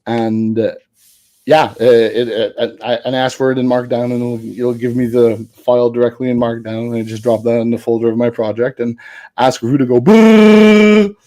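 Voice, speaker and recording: Mellow, rambling male developer. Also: medium pitch, little pitch movement. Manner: rambling, self-correcting, quick to laugh. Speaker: guest developer. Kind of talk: casual tech chat.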